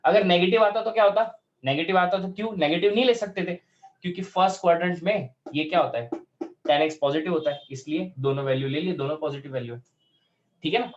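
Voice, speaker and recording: A male math teacher explains a problem step by step, often checking that the class is following. His voice sits a little high for a man and slows almost to dictation speed when he reads out formulas. The recording sounds slightly muffled. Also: slight background noise. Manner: talks through steps aloud, checks in with students often. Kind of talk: whiteboard math lesson.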